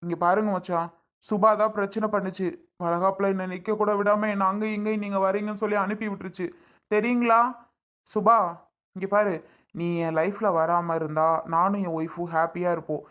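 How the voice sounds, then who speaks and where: A woman voices a young married man in a homemade family drama. He pleads, then turns bitter and accuses his sister. The voice sits at an ordinary middle pitch. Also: fairly even intonation, brisk, lightly acted. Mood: firm. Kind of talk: amateur family drama skit.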